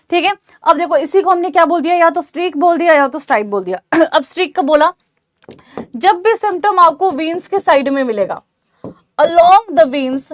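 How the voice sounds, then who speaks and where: High-pitched and recorded without echo, a female teacher runs an online exam-prep lecture. She reassures her students and checks in often, repeating "theek hai" to confirm they understand.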